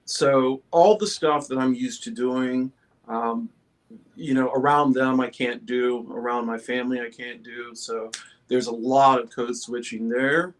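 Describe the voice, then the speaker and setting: In a casual group talk, a middle-aged panelist who sounds male shares personal reflections. His voice is of ordinary pitch and slow, with a halting, thoughtful delivery.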